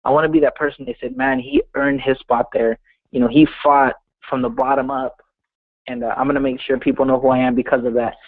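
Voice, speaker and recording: A man's voice: mid-range voice, flat delivery, fast, no room sound. Young man on a muffled phone line. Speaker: professional boxer being interviewed. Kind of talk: casual phone interview.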